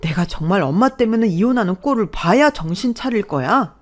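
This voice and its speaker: A woman's voice: on the low side, sing-song, a little slow, darkish tone. A worn-out husband, played by a woman in a radio drama, stuck between his wife and his mother. He sounds exasperated and pleading, with a voice that rises and falls widely. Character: married man, weary husband caught between wife and mother. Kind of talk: Korean radio drama acting.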